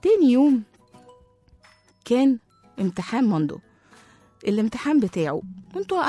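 A woman with an Egyptian accent narrating a children's story, lively and talking to young listeners. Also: on the high side. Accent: Egyptian Arabic.

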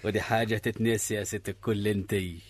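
An actor with an Egyptian accent playing a blustering, bossy village mayor who scolds in a gruff way. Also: male voice, lowish voice, level tone, fast talker, dry recording. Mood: ingratiating.

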